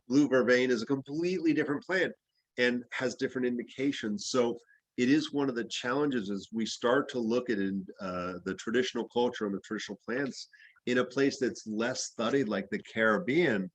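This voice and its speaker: A man's voice: mid-range voice, a little fast, no room sound, rough recording. A man who grew up in the Bahamas, teaching an herbalism class in a loose, rambling, anecdotal way with plenty of fillers. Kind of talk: casual class discussion.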